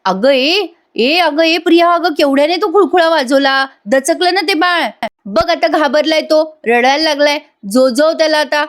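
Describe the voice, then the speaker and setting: A woman's voice: high voice, expressive, moderate pace. A woman doing a patient, sensible young woman. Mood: scolding. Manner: gently instructing, firm.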